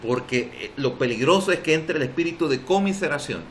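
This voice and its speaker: Salvadoran male pastor, emphatic sermon delivery, slightly high voice, faint hiss behind. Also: animated, fairly quick, a bit bright. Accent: Salvadoran Spanish. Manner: emphatic preaching with call-and-response. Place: church service.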